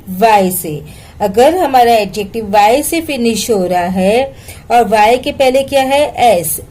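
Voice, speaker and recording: A woman's voice: fairly high pitch, mellow, rough recording. A woman with an Indian accent teaching children English grammar, mixing Hindi with English, asking questions and answering them herself, and spelling words out letter by letter. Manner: explains in Hindi mixed with English, asks and answers her own questions.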